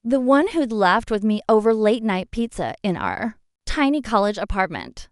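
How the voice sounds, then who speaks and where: A woman narrating a dramatic first-person revenge story in an expressive storytelling manner. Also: mid-range voice, normal speed, dry recording, studio quality.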